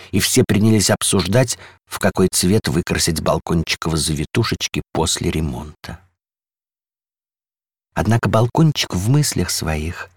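A man reading a storybook aloud slowly and playfully, letting phrases fall soft at the ends. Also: on the low side, no echo, clean studio sound.

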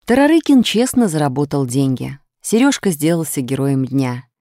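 A woman's voice: low-pitched, very animated, moderate pace, dark tone, no room sound, studio quality. A woman narrating a story, reading it aloud with expression.

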